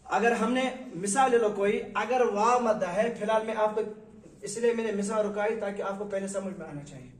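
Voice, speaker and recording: A man with a high voice leads a Quran reading lesson, stretching out each letter sound and firing questions at his pupils. He sits some distance from the microphone in a room with a strong echo. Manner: questioning, drawn-out recitation of letters. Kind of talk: classroom lesson. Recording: echoey room, mic far off.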